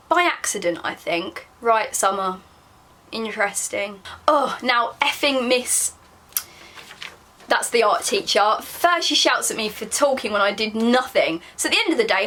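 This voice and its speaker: Bright, embarrassed young southern English woman reading aloud. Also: medium pitch. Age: young adult. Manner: embarrassed, self-mocking while reading aloud. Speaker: vlogger. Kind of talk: casual diary reading with asides.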